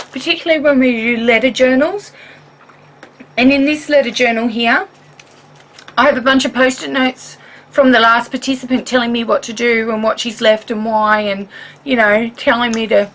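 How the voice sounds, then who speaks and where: Australian woman craft vlogger, high-ish voice, rambling and lively, faint hiss behind. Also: low-quality recording. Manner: animated, rambling, laughs often. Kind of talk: chatty show-and-tell vlog.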